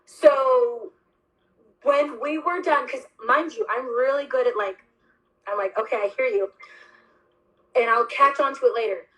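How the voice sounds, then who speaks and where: A young woman hosting a casual chat, telling a story in an animated, emphatic and heavily profane way. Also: sits high, unhurried, poor audio. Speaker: host.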